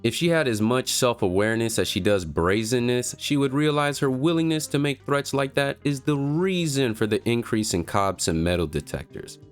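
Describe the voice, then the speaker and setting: A man's voice: medium pitch, expressive, normal speed, hardly any pauses, clear, resonant tone. A man narrating scripted commentary in a mocking, sardonic manner. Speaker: commentary video host.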